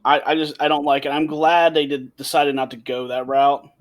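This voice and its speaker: A man's voice: on the high side, little pitch movement, moderate pace. A man co-hosting a podcast, chatting casually and animatedly over a remote call, laughing often and restarting his sentences. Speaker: podcast co-host.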